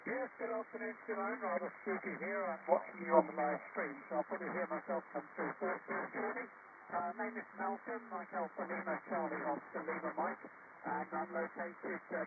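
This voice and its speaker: A man calling in on a faint, crackly two-way radio with a breathy, indistinct voice, exchanging call signs. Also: on the high side, normal speed, long pauses, narrow, tinny audio. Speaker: amateur radio caller. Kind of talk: ham radio contact exchange.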